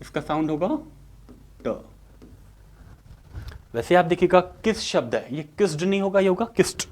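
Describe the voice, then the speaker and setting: A man with a Hindi accent gives an exam-prep lecture in a somewhat higher voice. He keeps posing questions and answering them himself, stretching out the sounds he demonstrates. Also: expressive, unhurried, darkish tone. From India. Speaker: English teacher.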